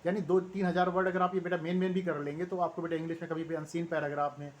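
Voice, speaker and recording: High-voiced Indian teacher reading word lists. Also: male voice, flat delivery, racing, slight background noise. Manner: rattles off word lists, calls students "beta". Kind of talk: vocabulary lesson.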